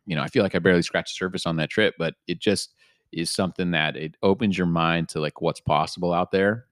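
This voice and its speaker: A young man with a deep, low voice chats casually on a podcast, relaxed and loose, dropping "dude" and "like" all through his sentences. He is recorded close on a studio mic with a dry, dead sound and no room around him. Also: fast, no room sound. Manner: laid-back, says "dude" and "like" a lot. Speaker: podcast host.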